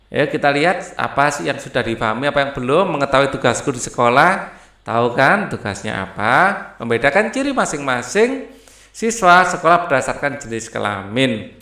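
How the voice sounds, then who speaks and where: A man's voice: mid-range voice, bright, forceful tone, roomy sound. A man tutoring primary pupils through a textbook, explaining step by step and often checking in with "ya". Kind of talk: walking through a school textbook.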